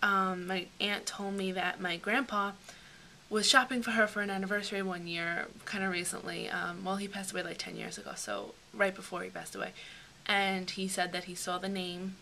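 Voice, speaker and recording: A young woman talks her way through a beauty favorites review in a loose, chatty ramble full of likes and ums. Her voice is bright and forward. A faint hiss of background noise sits under the recording. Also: mid-range voice, fairly even intonation, normal speed, gravelly. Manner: chatty, rambling, many fillers. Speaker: beauty vlogger. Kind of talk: casual product review chat.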